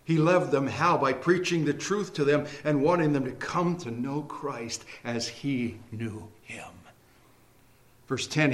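High, bright-voiced man preaching with fervor. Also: roomy sound. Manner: emphatic, impassioned preaching that rises to shouting; repeatedly addresses listeners as friends. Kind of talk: fervent sermon with rhetorical questions.

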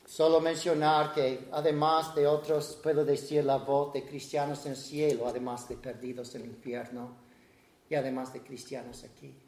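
A man preaching a sermon, animated, swinging from loud to soft and acting out quotes. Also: medium pitch, moderate pace. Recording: echoey room.

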